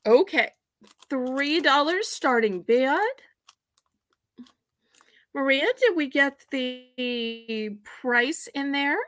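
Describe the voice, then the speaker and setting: A woman's voice: high-pitched, drawn-out words, pauses often. A woman hosting a live online auction from home, chatty and folksy as she counts out items for bidders.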